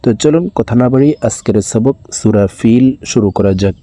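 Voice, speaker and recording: A Quran recitation teacher gives a patient, step-by-step reading lesson, explaining pronunciation rules and then reciting slowly with drawn-out sounds. His voice is medium-pitched with a dark tone, captured in a dry recording.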